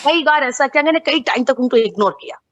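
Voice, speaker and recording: A woman's voice: sits high, quick pace, no room sound. A young adult woman earnestly telling her own story in a radio interview, slipping English words into her speech.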